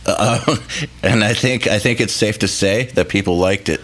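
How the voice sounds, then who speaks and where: A man's voice: lowish voice, normal speed, a bit bright. A man co-hosting a podcast, talking casually and earnestly in a conversational interview. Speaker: podcast co-host and musician.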